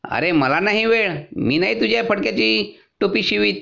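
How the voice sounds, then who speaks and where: A man's voice: sits high, expressive, moderate pace, gravelly, bright, forceful tone, highs cut off, voice pushed up, heavily acted. A man voicing a busy grown tailor in a storybook, refusing in an exasperated way. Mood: annoyed. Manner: exasperated protesting.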